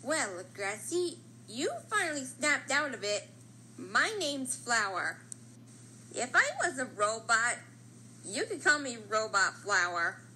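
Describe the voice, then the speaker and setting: A woman acts out a vain lady flower from a cartoon, theatrical and exclamatory. The voice is bright and very slow, over noticeable background noise. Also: on the high side, sing-song, exaggerated voice, poor audio. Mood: self-satisfied. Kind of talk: cartoon character voice lines.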